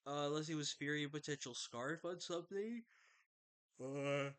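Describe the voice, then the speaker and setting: A man talking through his own game match in a loose, chatty commentary full of fillers and mid-sentence fixes. His voice sits a little high and sounds bright and crisp, though he is sleepy and yawning late at night. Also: normal speed. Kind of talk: casual gameplay commentary.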